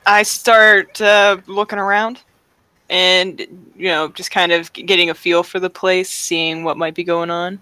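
A woman's voice: fairly low pitch, level tone, measured pace, bright, forceful tone, smooth, no echo. A woman playing a tabletop game, chatting casually and teasing the others. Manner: joking, teasing. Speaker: player.

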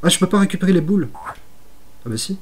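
A man's voice: high-pitched, fast, a little hiss or hum. A man giving live commentary as he plays old games on stream, exclaiming at his mistakes and joking about himself. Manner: excitable, exclaims and talks to himself while playing; self-mocking asides.

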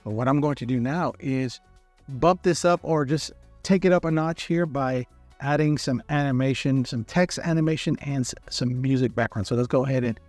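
A man calmly explaining software step by step in a screen-recorded tutorial, in a relaxed, friendly way. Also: mid-range voice, moderate pace, no room sound, soft background music.

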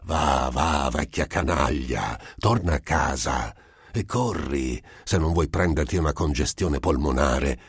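A man's voice: a bass voice, a little slow, slightly rough, dry recording, clean studio sound, exaggerated voice. A man doing a sardonic, taunting devil. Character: mocking male devil disguised as a man.

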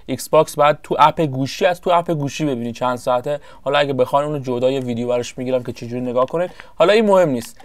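A man giving casual, rambling commentary over his own strategy game session, often pausing to search for the right word. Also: medium pitch, dry recording. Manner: chatty, rambling, searches for words. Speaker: gameplay commentator.

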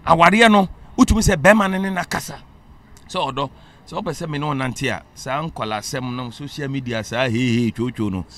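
A man's voice: mid-range voice, brisk, fairly bright tone. A Ghanaian man in a casual podcast chat, giving blunt opinions and switching between English and a local language. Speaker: podcast guest.

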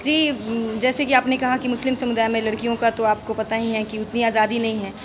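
A woman's voice: on the high side, flat delivery, fairly quick, background noise. A young woman in her twenties, a newly selected police sub-inspector, answers fluently and articulately into a handheld mic. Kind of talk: interview answer.

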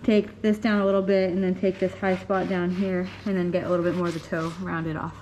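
In an indoor barn with a concrete floor, a young woman gives a casual, hands-on hoof trimming tutorial, thinking aloud in short, halting phrases as she works. Her voice is lowish, flat and a little mellow, and the poor audio picks up clear rasping and clattering as tools file, scrape and clatter in the background.

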